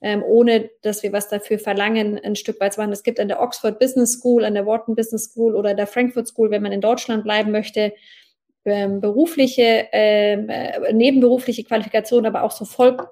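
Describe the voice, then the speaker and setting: Eine Frau mit deutschem Akzent, die als Expertin in einem Interview spontan und erklärend antwortet, mit vielen „ähm“. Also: female voice, medium pitch, flat delivery, brisk, warm tone. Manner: many fillers, explanatory and thoughtful. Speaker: blockchain expert guest.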